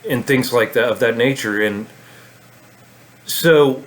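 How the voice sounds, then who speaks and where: A man's voice: mid-range voice, slow. Rambling man telling a story. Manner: rambling, many fillers and restarts. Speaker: vlogger. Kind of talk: casual storytelling monologue.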